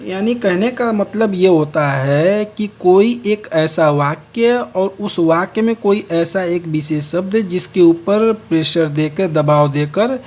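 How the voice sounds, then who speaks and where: A man's voice: sits high, darkish tone. A man teaching a lesson and explaining each point step by step. He often repeats key words and restates them. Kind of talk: lecture on speech errors.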